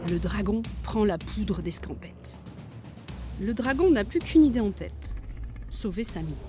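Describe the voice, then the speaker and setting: A woman reading a children's story aloud in a lively, playful way. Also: medium pitch, a little slow. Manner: lively, playful, acting out many voices. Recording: soft music bed.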